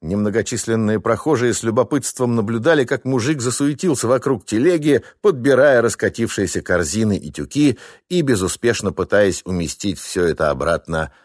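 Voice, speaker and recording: A man narrating an audiobook chapter with an expressive reading. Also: lowish voice, normal speed, dry recording, studio quality.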